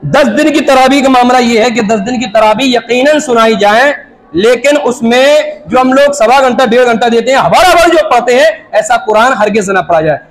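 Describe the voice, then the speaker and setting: High-pitched man preaching an emphatic sermon. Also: normal speed, low-quality recording. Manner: emphatic, repeats points for stress. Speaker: Islamic preacher.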